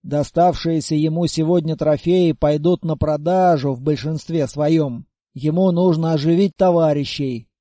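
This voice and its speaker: Guy voicing a practical colonist buddy, matter-of-fact, deep mellow tone, dry close mic. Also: moderate pace, no echo, natural voice. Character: calm, matter-of-fact male colonist comrade.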